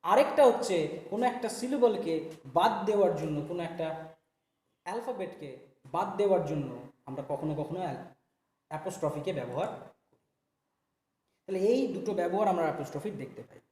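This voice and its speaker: A man's voice: high-pitched, expressive, a little fast, pauses often, warm tone, reverberant, in a large hall. A man teaching an English grammar lesson, explaining step by step and asking and answering his own questions. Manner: repeats and rephrases points. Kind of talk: Bengali-language grammar lecture.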